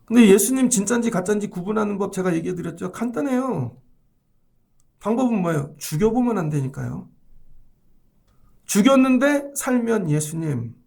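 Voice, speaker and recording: Gravelly high-voiced preaching man. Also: lively intonation, moderate pace, long pauses, a little mellow. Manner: emphatic, rhetorical questions to the congregation. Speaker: pastor. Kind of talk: sermon.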